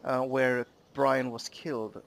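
A man hosting a let's play, giving casual, halting commentary on a strategy game with many pauses. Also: medium pitch, little pitch movement, gravelly. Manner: halting, many ums and uhs.

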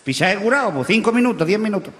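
A comedian performs a stand-up character monologue as a crude, rowdy rural Chilean huaso running for mayor, on a reverberant live stage with a noisy background. His male voice is loud, high-pitched and bright, rapid-fire and lively. He is boastful and brash, full of crude slang and shouted punchlines.

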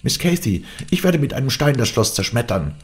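A man's voice: medium pitch, sing-song, brisk, voice pushed up, lightly acted. A man reading an audiobook aloud, voicing a stern older housekeeper who scolds sharply. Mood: indignant.

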